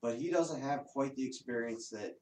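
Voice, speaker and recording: An easygoing man co-hosting a casual sports chat, calmly analytical as he weighs up teams. His voice sits mid-range. The room around him is roomy and echoey. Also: mid-range voice, moderate pace. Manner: easygoing, analytical about basketball. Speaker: podcast co-host. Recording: roomy echo.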